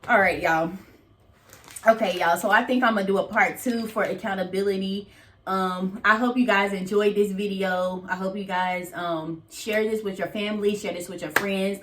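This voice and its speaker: A woman's voice: mid-range voice, fairly bright tone. A woman giving casual motivational talk to camera, folksy and preachy, calling her viewers baby and y'all. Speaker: motivational vlogger. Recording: echoey room with faint noise.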